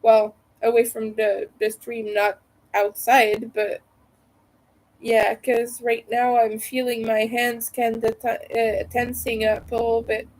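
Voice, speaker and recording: Female livestream host, fairly high voice, casual and slow, congested with a cold, nasal like a pinched nose. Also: little pitch movement, a little mellow, poor audio. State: stuffy nose from a cold and allergies.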